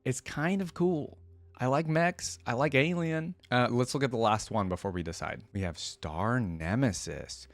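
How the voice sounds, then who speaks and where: A man hosting a reaction video to game content offers casual, off-the-cuff commentary, thinking aloud as he goes. His mid-range voice is a little slow, and the recording is dry.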